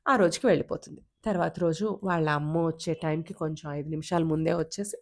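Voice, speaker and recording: A woman with a low-pitched voice tells a children's folk tale quickly, in an animated, conversational style, her voice rising and falling with the action. Afterward she settles into earnest moral advice aimed at parents.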